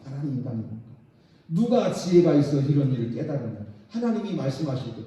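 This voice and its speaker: A man's voice: medium pitch, very animated, quick pace, mellow. A middle-aged man preaching a sermon as pastor, dramatically acting out the voices of God and sinners. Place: church sanctuary. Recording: very echoey church hall, distant and dull.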